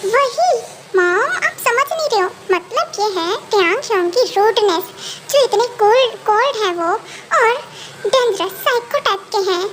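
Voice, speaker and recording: A bubbly, teasing young princess sister, played by a woman. Her voice sits very high and bright and jumps up in pitch as she needles her brother. A hiss runs under the home recording. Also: lively intonation, unhurried. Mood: eager. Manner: playful, teasing. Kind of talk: fan audio drama.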